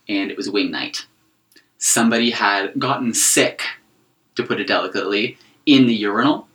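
A man co-hosting a podcast in casual chat, an animated storyteller who acts out what people said. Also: mid-range voice, distant mic. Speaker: podcast co-host. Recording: set back from the mic.

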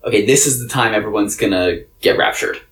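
A woman's voice: extremely low pitch, a little fast. A woman co-hosting a podcast in casual chat, with a dry, wry sense of humor. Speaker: podcast co-host. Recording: roomy echo.

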